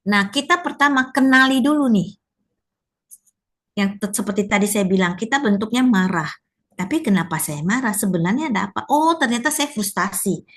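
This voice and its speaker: A woman's voice: mid-range voice, expressive, moderate pace, fairly bright tone. Chatty woman leading a teacher workshop. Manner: chatty, frequent rhetorical tag questions. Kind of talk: conversational teaching talk.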